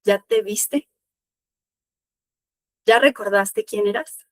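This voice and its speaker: A woman voicing God in a parable she tells, speaking calmly and tenderly. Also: mid-range voice, takes it slowly, no room sound, lightly acted. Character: gentle loving God, ageless.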